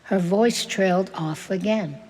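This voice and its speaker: A woman reading a short story aloud in a slow, gentle manner. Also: mid-range voice, husky, long reverb tail.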